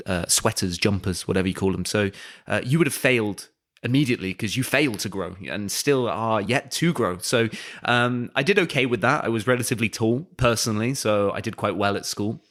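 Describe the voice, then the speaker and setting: A man's voice: fairly low pitch, fairly bright tone. A man co-hosting a podcast, telling comic stories about himself in a rambling, casual way full of fillers. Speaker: podcast co-host. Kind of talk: casual improvised chat.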